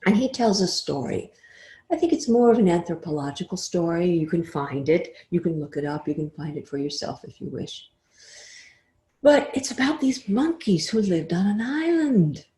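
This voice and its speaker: An older woman giving a webinar talk, telling stories expressively and often trailing off into a soft, quiet voice. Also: on the low side, expressive, moderate pace. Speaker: webinar speaker. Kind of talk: storytelling talk. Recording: roomy echo.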